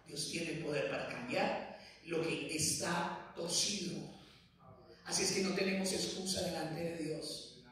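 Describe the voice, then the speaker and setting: A man's voice: high-pitched, fairly bright tone, recorded from a distance. A middle-aged man preaching as a pastor in a church hall, with emphatic, building repeated phrases. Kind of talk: sermon. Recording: very echoey hall from afar.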